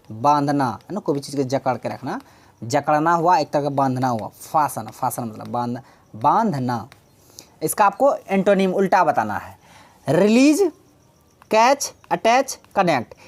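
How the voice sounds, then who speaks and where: Low-voiced woman teaching English. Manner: explains patiently, repeats key words, asks and answers own questions. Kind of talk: exam-prep English lesson.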